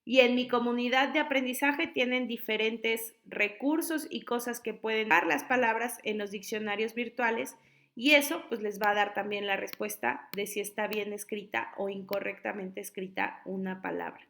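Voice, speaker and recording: A woman, an online high school tutor patiently explaining spelling to her students. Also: fairly even intonation, moderate pace, fairly bright tone.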